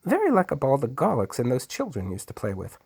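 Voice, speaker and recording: A man voicing a calm, dry-witted spy who answers flatly and unbothered. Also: medium pitch, a little fast, creaky, breathy edge, no echo, voice pushed up, exaggerated voice. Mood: deadpan.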